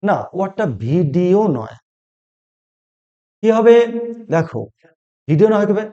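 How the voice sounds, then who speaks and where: A male spoken English teacher whose first language is Bengali gives a pronunciation lesson, repeating every word and quizzing the viewer. His high, dark-toned voice swings widely in pitch at a measured pace, captured with lo-fi sound.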